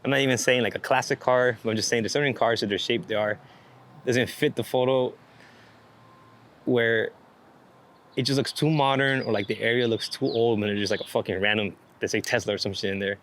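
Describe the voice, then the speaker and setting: The man speaks fairly quickly in a mid-range voice with fairly even intonation and a fairly bright tone. He's a street and landscape photographer giving a loose, unscripted interview, rambling with enthusiasm, using slang, and swearing a great deal. Background noise and outdoor ambience come through clearly.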